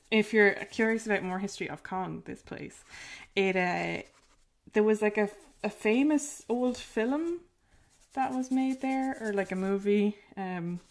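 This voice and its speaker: A woman's voice: medium pitch, slow. A woman with a rural Irish accent chatting casually and self-deprecatingly while she paints on a livestream, with lots of filler words. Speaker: artist hosting a painting livestream.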